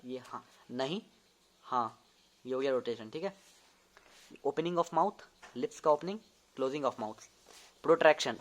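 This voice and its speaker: A young man, a medical student, casually teaching an anatomy lesson, demonstrating movements and often repeating terms to check understanding. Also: on the high side. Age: young adult.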